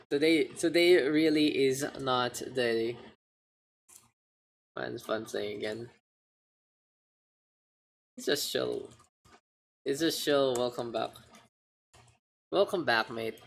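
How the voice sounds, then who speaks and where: A woman's voice: rumbling low, creaky, a bit bright, a little hiss or hum. A woman with a Filipino accent doing casual, joking live game commentary as a streamer. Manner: casual, joking, mixes English with Tagalog. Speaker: esports caster and streamer.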